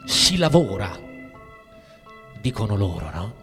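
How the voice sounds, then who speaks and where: In a long, reverberant hall with music behind him, a male actor delivers a declamatory theatrical monologue as a bitter, cynical everyman raging at the bosses. His voice sits on the low side and swings widely in pitch, moving slowly from muttering to shouting in a full character voice, angry and bitter throughout.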